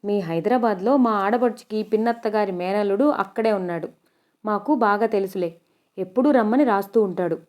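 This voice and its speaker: A woman's voice: medium pitch, a little fast, lo-fi sound, close to an everyday voice. A woman voicing a nosy, tactless older village woman who pries and scolds in a storybook reading. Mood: prying. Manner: prying, tactless, teasing.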